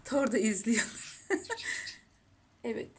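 Her voice sits a little high and moves slowly, with a faint hiss or hum underneath. As a pet channel host making a casual vlog at home, she coos lovingly at her cats in gushing baby talk and talks informally to her audience.

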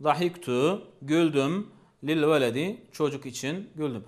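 Male teacher, patient and repetitive, voice a touch high. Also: measured pace. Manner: patient, repeats each phrase and asks questions. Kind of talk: language lesson.

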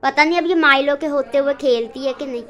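A woman, narrating a casual home vlog in a fond, chatty way. Her voice sits fairly high for a woman. She is recorded on a handheld phone indoors at home. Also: a little fast, a bit bright. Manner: chatty, affectionate, talks fondly to the cats. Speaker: vlogger. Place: home kitchen and rooms, indoors.

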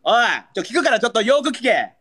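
A man's voice: very high-pitched, sing-song, fast talker, fairly bright tone, slightly rough. A young man with a Kansai accent, a livestreamer bantering in mock anger and pleading with viewers for gifts. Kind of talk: live-stream battle banter.

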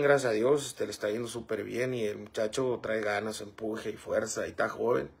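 Gravelly husky man chatting. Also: medium pitch. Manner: rambling, fillers like "este" and "¿verdad?". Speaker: livestream host reading comments. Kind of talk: casual livestream chat.

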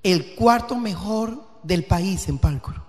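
A woman pastor preaches with fervor, dropping to near-whispers and then building to loud, emphatic peaks. Her voice rings out with the long reverb of a church hall. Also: mid-range voice, expressive, slow. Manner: passionate, swinging from hushed to loud and emphatic. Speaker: guest pastor. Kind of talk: sermon.

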